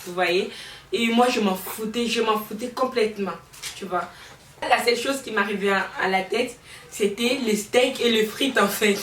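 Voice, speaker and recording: A woman's voice: medium pitch, reverberant, distant mic. Woman, Congolese French accent, chatty storyteller, talks straight to viewers, faint background noise, mic set back. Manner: chatty, addresses viewers directly, laughs often. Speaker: vlogger. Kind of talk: storytime chat to camera.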